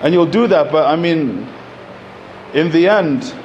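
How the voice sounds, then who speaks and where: A man's voice: fairly high pitch, animated, unhurried, a little mellow, muffled recording, slight background noise. Man speaking off the cuff at a podium. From Egypt. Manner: conversational, many fillers and restarts. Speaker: panel speaker. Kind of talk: public talk at a podium. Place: community center hall, indoors. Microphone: podium microphone.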